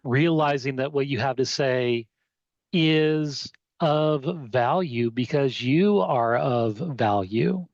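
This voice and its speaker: A man hosting a conversational interview, speaking in a calm, affirming way. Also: medium pitch, no echo, muffled recording. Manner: calm, affirming, slow-spoken. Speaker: interview host.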